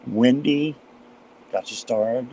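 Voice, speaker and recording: A man with a hoarse voice and a slight cold hosts a live tarot stream, chatting easily and welcoming viewers by name. He speaks slowly in a mellow, mid-range voice over poor audio with a bit of background noise.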